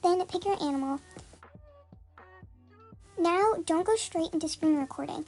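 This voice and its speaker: A voice run through a voice changer that pushes it very high, so the speaker's real voice is hidden. They walk through a tutorial in a loose, chatty way, full of fillers. Music plays clearly in the background. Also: a little slow, a little mellow. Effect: voice changer disguising the voice, pitched very high. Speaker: tutorial channel host. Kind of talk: casual step-by-step tutorial.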